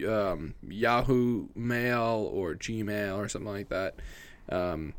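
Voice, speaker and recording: A man co-hosting a casual chat over a remote call, blunt, opinionated and quick to swear. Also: on the low side, clear, resonant tone. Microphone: remote call with a mute button.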